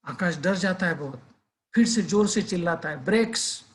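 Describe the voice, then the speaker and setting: Speaking at a normal speed in a high-pitched voice, a male teacher tells a suspenseful story. He then urges his students in earnest to revise, making this a mix of storytelling and motivational guidance.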